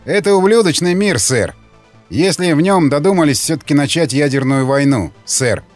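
A man's voice: on the high side, animated, normal speed, no room sound, faint music behind, lightly acted. Male narrator as a sarcastic, coarse crewman, raised and biting. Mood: sneering. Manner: mocking, then shouting. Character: cynical foul-mouthed male crewman.

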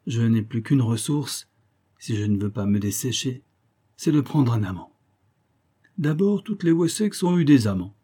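A man reading the lines of a proud, quick-tempered young aristocratic woman in an audiobook. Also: medium pitch, expressive, warm tone, breathy edge. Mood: wistful. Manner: haughty, quick-tempered outbursts.

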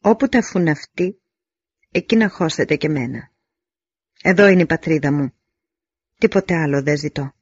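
A man voicing an old dying warrior who speaks slowly and with labored effort, his husky voice on a dull lo-fi recording. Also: a little high, lively intonation, no echo. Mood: faint, resigned. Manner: slow, labored speech. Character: old dying male warrior, gentle, faithful. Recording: dull lo-fi audio.

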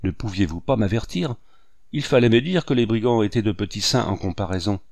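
A man's voice: on the low side, animated, darkish tone, no echo. A man reading as an indignant Englishwoman, Madame Simon. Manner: scolding, rapid reproachful questions. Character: haughty indignant Englishwoman, middle-aged mother. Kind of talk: audiobook character reading.

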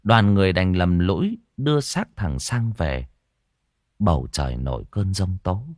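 A man's voice: sits low, sing-song, moderate pace, a little mellow, no echo, studio quality. A man narrating a ghost story in a dramatic storytelling manner.

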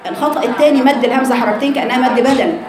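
A woman with an Egyptian accent teaching Quran recitation to a class of women, correcting mistakes and drilling sounds with repeated drawn-out syllables. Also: high voice. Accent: Egyptian Arabic. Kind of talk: tajweed lesson to a class. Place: room with a group of women students. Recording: echoey room with crowd chatter.

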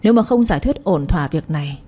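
A man's voice: a little high, lively intonation, fast talker, dark tone. A woman voicing a powerful older male magistrate who speaks coldly and commandingly in a storybook reading. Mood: menacing. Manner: cold, commanding, menacing.

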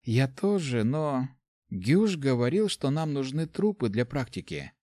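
A man voicing a gentle young woman, an apprentice assassin, speaking softly and calmly in a storybook reading. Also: medium pitch, a little slow, no echo, studio quality, voice pushed up.

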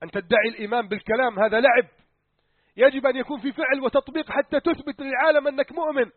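High-voiced fast-talking male preacher, tinny sound. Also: steady tone, dry recording. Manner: emphatic, swings between loud urgency and hushed tones. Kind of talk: dramatic sermon storytelling. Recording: tinny phone-like dry recording.

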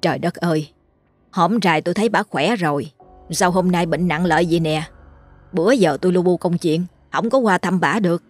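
An anxious older village neighbor, chattering and fussing in a lowish voice, as a woman storyteller puts her on. The sound is dry and close. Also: a little fast, slightly rough, no room sound, faint music behind. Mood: distraught.

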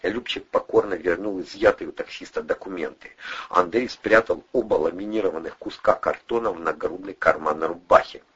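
A man narrating an audiobook in a steady, even storytelling manner. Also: deep voice, a little fast, breathy edge, lo-fi sound. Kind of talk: scripted narration.

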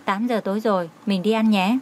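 A man's voice: high-pitched, steady tone, a little fast, darkish tone, a little hiss or hum, close to an everyday voice. A woman reading a curt, stern young boss. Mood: gentle. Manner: curt, commanding.

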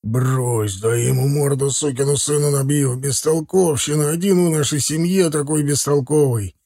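Male narrator doing a hot-tempered, cursing brother; gruff, dark, growling. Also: mid-range voice, no room sound, clean studio sound, natural voice. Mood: furious. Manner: growling, menacing, slow.

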